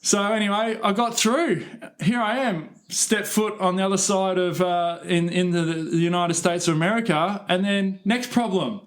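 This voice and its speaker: A man's voice: high-pitched, normal speed. Australian man telling a wild story. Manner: swears freely, animated storyteller. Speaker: podcast co-host. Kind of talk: casual storytelling.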